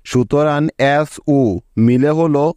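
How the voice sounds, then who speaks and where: Patient male tutor, unhurried spelling lesson, dry close sound. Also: fairly high pitch, fairly even intonation, darkish tone, smooth, no room sound, muffled recording. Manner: patient, checks in with learners. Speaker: English reading teacher. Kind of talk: slow step-by-step spelling lesson.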